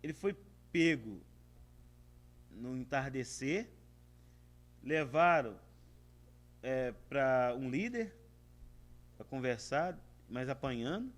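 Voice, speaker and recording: A man with a Brazilian Portuguese accent preaching a sermon, calling his listeners "amados" and swinging widely between loud and soft. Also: takes it slowly, long pauses. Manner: addresses listeners as "amados", animated with big swings of pitch and volume.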